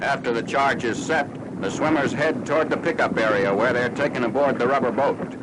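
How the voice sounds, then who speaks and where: A man's voice: medium pitch, a little fast, very noisy. A man reads scripted military newsreel narration in a formal, matter-of-fact 1940s style, on an old film soundtrack.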